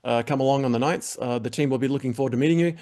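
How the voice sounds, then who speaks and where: With a dark, medium-pitched voice and a very fast delivery, a man wraps up his web TV interview. His plugs to the audience are upbeat, rambling and heavy with fillers.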